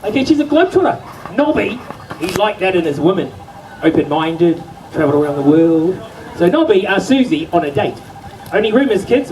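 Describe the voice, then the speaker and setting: With music playing and the mic far away, a middle-aged New Zealander hosts a live sheep show at an outdoor county show, joking and getting the crowd going. His voice sits high and is a little mellow. There is slight background noise.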